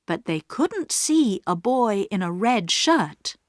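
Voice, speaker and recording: A woman narrating a story in slow, clearly paced English for learners. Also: mid-range voice, big pitch swings, dry recording, studio quality. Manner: clear, carefully paced reading.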